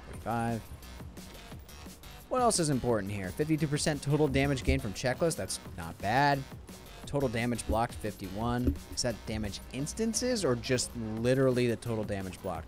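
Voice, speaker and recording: A young man giving casual gameplay commentary, thinking out loud and correcting himself as he goes. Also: on the low side. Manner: chatty, thinks aloud, self-correcting. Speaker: gaming YouTuber. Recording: music playing underneath.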